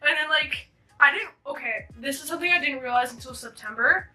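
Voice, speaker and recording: A woman's voice: sits high, a little fast, sharp tone. A woman hosting her channel, telling a story in a casual, rambling way with many fillers and restarts. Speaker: channel host. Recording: distant mic with faint music.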